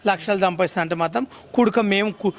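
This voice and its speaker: A man talks bluntly and emphatically in a high voice. He speaks quickly and puts hard stress on his points. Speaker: interviewee.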